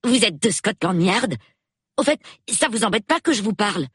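An excited nine-year-old boy. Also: high voice, breathy edge, dry recording, clean studio sound, pitched above the performer's own voice, exaggerated voice. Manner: eager, rapid, gossipy.

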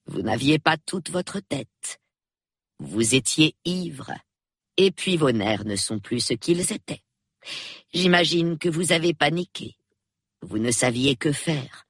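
A man reading an audiobook, voicing a shrewd, prim elderly spinster who speaks in a measured, precise, calmly reproving way. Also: fairly high pitch, slightly rough, dry recording, clean studio sound, voice pushed up, heavily acted. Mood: calm, knowing. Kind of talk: audiobook character voice.

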